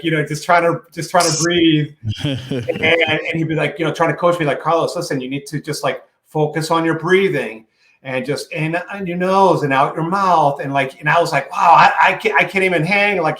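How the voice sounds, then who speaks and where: Over a video call from a home room with a roomy echo, a chatty man in his forties answers a podcast interview loosely, sprinkling in plenty of "you know" asides. Originally from Puerto Rico and a native Spanish speaker, he talks in a slightly raised voice that sits on the high side with a fairly bright tone.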